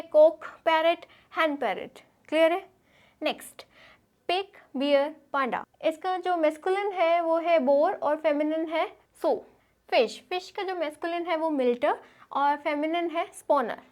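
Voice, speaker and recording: High-voiced Indian woman teaching. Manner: explains in Hindi, checks in with frequent "theek hai". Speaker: English teacher. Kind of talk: classroom lecture over slides.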